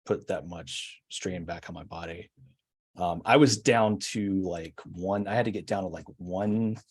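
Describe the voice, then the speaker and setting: Husky, low-voiced man in his forties. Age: 40s. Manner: reflective, hesitant, many fillers. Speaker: podcast guest. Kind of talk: casual storytelling.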